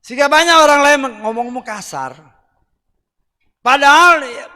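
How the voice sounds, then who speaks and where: A middle-aged man preaching a sermon in a blunt, rough-spoken way, with loud emphatic bursts and quiet asides. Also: very high voice. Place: church hall. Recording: church hall reverb.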